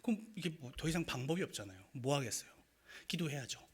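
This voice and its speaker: A young male preacher telling a story in a sermon, his voice a little husky and pitched a touch high. He talks in an animated way, his pitch swinging widely. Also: fast talker. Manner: animated storytelling with acted quotes and rising emotion.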